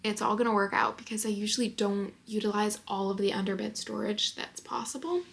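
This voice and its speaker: A woman's voice: mid-range voice, fairly quick, vocal fry, a bit bright. A woman in her early twenties vlogging casually in a small apartment bedroom, chatty and rambling with lots of filler likes. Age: early 20s. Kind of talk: casual chat to camera.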